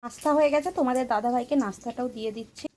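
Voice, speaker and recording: Chatty high-voiced woman vlogging. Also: very fast, a little mellow. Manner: chatty, addresses viewers directly. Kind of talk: daily-life vlog narration. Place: home, market and railway stations. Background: street and vehicle noise.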